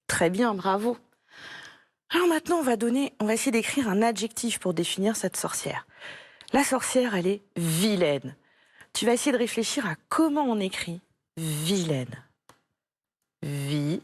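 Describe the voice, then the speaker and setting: A French woman teaching a primary school spelling lesson, speaking slowly and clearly, patient and encouraging as she repeats each word for a young pupil. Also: a little high, animated, no room sound. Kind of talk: slow, clear classroom instruction to a child.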